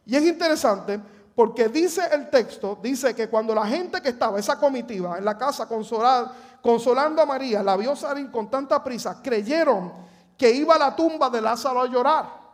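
A Puerto Rican pastor from Puerto Rico preaches a sermon to his congregation in a church sanctuary, speaking with a Puerto Rican Spanish accent. His voice is extremely high and his pace moderate. He tells the story dramatically, acting out scripture and joking with the church.

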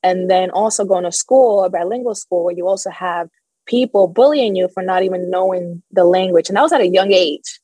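A woman's voice: fairly low pitch, a little fast, dark tone, slightly rough, no echo, poor audio. Candid young woman telling her story. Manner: open and emotional, with occasional nervous laughs. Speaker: guest sharing her life story. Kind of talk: candid personal storytelling in an interview.

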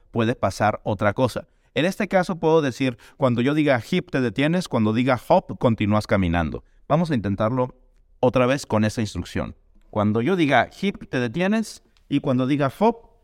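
A man's voice: medium pitch, lively intonation, moderate pace, no echo, studio quality. A man teaching a Dalcroze music lesson, explaining exercises and chanting rhythm syllables to demonstrate.

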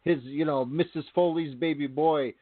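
A man's voice: a little high, steady tone, moderate pace. A man co-hosting a wrestling podcast, laid-back and laughing easily in casual talk. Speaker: podcast co-host. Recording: tinny phone-line audio.

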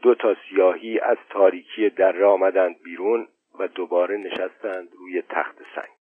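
A man reading an audiobook story in even, measured narration. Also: sits low, breathy edge, no echo. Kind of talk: scripted narration. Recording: thin phone-like sound, dry.

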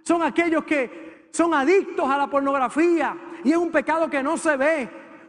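A man preaching a sermon to his congregation, swinging from fervent appeals to a low, intimate tone. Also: fairly bright tone. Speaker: pastor. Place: church sanctuary with congregation. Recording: long hall reverb.

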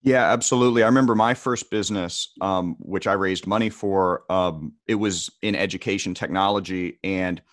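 A man conducting a conversational interview, haltingly rephrasing his questions as he goes. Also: low voice, fairly even intonation, no echo, studio quality.

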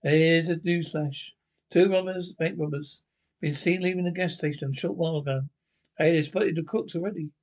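A man's voice: on the high side, fairly even intonation, normal speed. A formal cartoon radio announcer reading bulletins. His delivery is clipped and official, heard through a radio set. He sounds urgent and businesslike. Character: crisp male radio news announcer. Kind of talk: cartoon voice acting.

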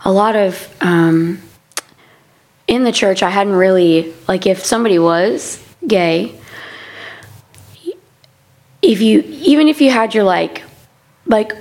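A woman in a casual faith-centred conversation in a church prayer room, speaking in halting, circling sentences. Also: medium pitch, darkish tone. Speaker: podcast conversation partner.

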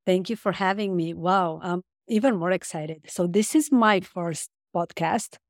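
A woman's voice: on the low side, unhurried, no echo, clean studio sound. A woman with a Romanian accent, talking earnestly as a podcast guest and often searching for her words. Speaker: podcast guest, life coach. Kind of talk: casual interview talk.

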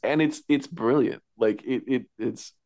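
A podcast co-host with a mid-range, slightly mellow voice chats casually about a TV episode at a measured pace. His recap is full of fillers, restarts and laughter.

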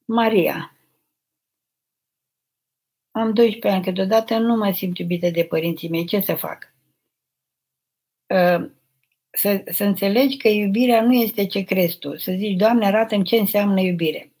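An older woman, an abbess, reading out viewers' questions and answering them in a gentle, motherly, unhurried way during a live spiritual question session. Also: mid-range voice, slightly rough. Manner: gentle, motherly, unhurried, addresses listeners tenderly. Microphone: live stream microphone.

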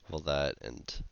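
A man's voice: very deep voice, muffled recording. A man co-hosting a podcast, chatting casually about a film in a hesitant, critical way with many fillers. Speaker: podcast co-host. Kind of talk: casual film review chat.

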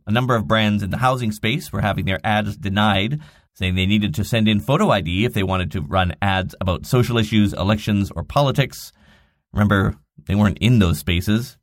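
A man's voice: fairly low pitch, brisk, dry recording. A man hosting a daily digital marketing news podcast, reading the stories with wry, dry asides. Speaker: podcast host.

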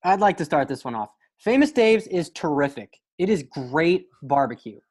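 语调偏高的男声，夸张吐槽. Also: male voice, on the high side, sing-song, moderate pace, darkish tone. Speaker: podcast co-host. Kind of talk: casual podcast chat.

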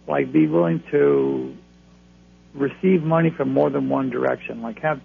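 A man gives conversational advice to radio callers. His voice has a heavy creak to it. He sounds thin and tinny over the telephone, with noise on the line. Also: mid-range voice, steady tone, moderate pace. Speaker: card-reading astrologer, radio guest.

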